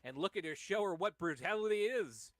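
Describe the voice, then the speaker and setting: Male wrestling play-by-play caller, bright and forceful tone, slightly high voice, excitable. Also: no echo. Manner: excited, calls moves quickly. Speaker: wrestling commentator. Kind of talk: play-by-play commentary.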